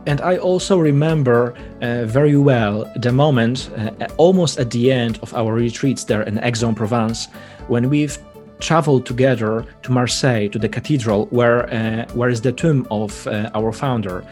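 A man interviewing a priest guest, speaking in a slow, earnest way with frequent fillers. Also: mid-range voice, darkish tone. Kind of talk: conversational interview. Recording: faint music in background.

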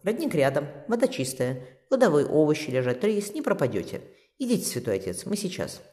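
Guy putting on a brisk bossy-kind woman, coaxing, higher, echoey. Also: big pitch swings, dark tone. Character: brisk, warm-hearted grown woman. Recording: long reverb.

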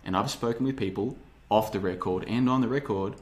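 In a casual livestream monologue, a podcast host in his thirties talks fairly quickly in a lowish, slightly mellow voice. His rambling is sarcastic, and he often mocks others by putting on voices.

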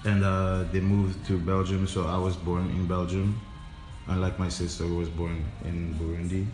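A man's voice: low-pitched, flat delivery, moderate pace, darkish tone, reverberant, faint music behind. A young man in his twenties, a DJ guest talking casually in an interview with many fillers.

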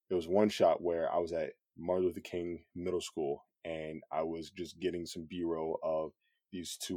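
A man, a cinematographer guest, talking in a relaxed, rambling way with lots of fillers. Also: deep voice, no echo, clean studio sound. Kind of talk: casual podcast conversation.

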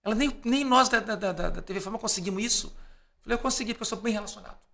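A man's voice: high-pitched, racing, gravelly. A Brazilian man, a podcast guest, telling anecdotes with animation and acting out the dialogue in different voices. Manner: acts out dialogue in quoted voices; lively storyteller, laughs between lines.

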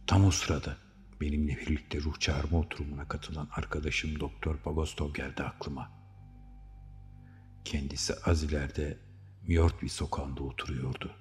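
A male narrator with an extremely deep voice tells a first-person story in a measured, dramatic manner. His reading rings out with a long hall reverb. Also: level tone, faint music behind. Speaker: audiobook narrator.

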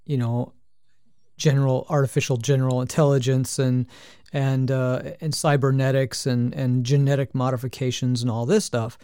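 A man's voice: medium pitch, level tone, moderate pace, mellow, clear, resonant tone, no echo, clean studio sound. A man co-hosting a podcast, chatting casually, rambling with frequent restarts and hesitations. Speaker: podcast co-host. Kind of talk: casual chat.

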